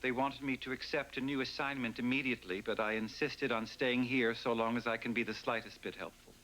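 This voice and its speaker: A man's voice: medium pitch, steady tone, brisk, fairly bright tone, slight background noise, close to an everyday voice, low-quality recording. An actor playing a formal, loyal male household servant in a 1980s sitcom, precise and dryly ironic.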